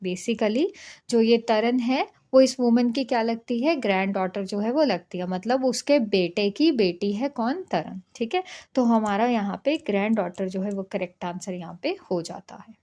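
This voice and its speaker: A woman's voice: a little high, normal speed, dark tone. A woman teaching an exam-prep reasoning lesson, explaining step by step and often checking in with "okay". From India. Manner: patient, repeats "ठीक है" to check understanding.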